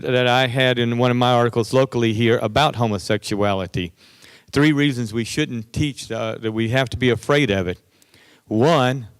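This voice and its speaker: Guy giving a speech at a conference, storytelling and doing the quotes himself, smooth clear voice, dry sound. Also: medium pitch, dry recording. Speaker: conference speaker. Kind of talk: political speech with anecdotes. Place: conference hall.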